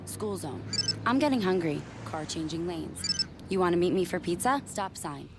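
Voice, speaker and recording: A distracted young woman driver, chatting her way through traffic while texting. Her pitch jumps around lively. Street and traffic noise sits clearly behind her in the ad. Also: normal speed. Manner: chatty, reading road cues aloud. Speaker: driver in a public service ad.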